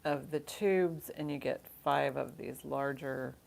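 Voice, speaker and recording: Low, creaky-voiced woman auctioneer, unhurried. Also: fairly even intonation, a little mellow. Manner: chatty, informal auctioneer. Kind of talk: casual live-sale auctioneering, counting down bids.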